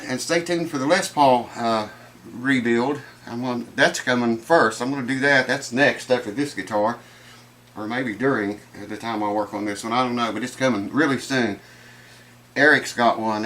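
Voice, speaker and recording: This guitar repair vlogger speaks in a mid-range, somewhat bright voice from his workshop. His delivery is warm, folksy and full of enthusiasm, though a stuffed-up nose makes him sound congested.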